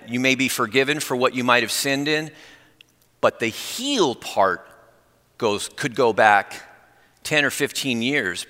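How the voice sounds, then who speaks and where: Earnest man preaching in an echoing church. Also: medium pitch. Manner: earnest, builds excitement, talks fast when fired up; personal testimony, conversational asides. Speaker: lay preacher. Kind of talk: sermon. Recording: long reverb in a church hall.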